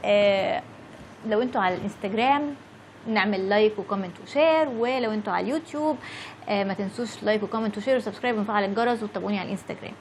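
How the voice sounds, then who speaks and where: Fast-talking Egyptian woman teaching English. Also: fairly high pitch, a little hiss or hum. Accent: Egyptian Arabic. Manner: chatty, repeats "okay?" to check in. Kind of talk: casual lesson talk to viewers.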